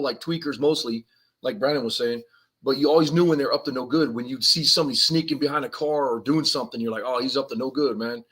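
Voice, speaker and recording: Husky-voiced man chatting casually. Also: a little high, fairly bright tone. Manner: rambling storytelling with slang and laughs. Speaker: podcast co-host. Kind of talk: casual live-stream chat.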